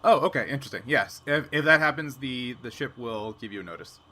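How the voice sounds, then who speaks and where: Acting as game master, a man narrates an improvised sci-fi tabletop game in a conversational way, pausing now and then to find his words. His mid-range voice is animated and has a sharp edge.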